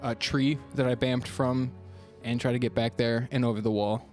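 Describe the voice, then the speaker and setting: A man's voice: mid-range voice, fairly even intonation, normal speed, faint music behind. A man playing a tabletop game, chatting casually and hesitantly with frequent restarts and laughter. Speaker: player.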